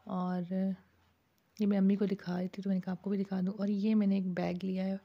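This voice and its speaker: This Pakistani woman's mid-range voice is creaky and brisk, with little rise or fall. She vlogs in a relaxed, talkative way, addressing viewers with frequent "ji" as she shops in a night bazaar and later at home. Dull lo-fi phone audio picks up faint street noise.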